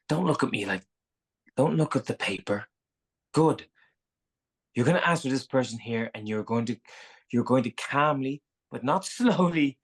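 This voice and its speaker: Voicing an irritated, curt Navy admiral during a table read, an actor delivers orders in short, faltering bursts. The voice is husky and gravelly, mid-range in pitch.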